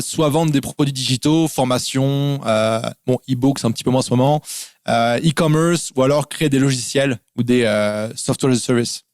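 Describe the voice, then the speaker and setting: A man's voice: mid-range voice, darkish tone, no echo, studio quality. A man from France, a guest in a casual interview, explaining things in lists with lots of fillers. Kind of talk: casual interview over a call.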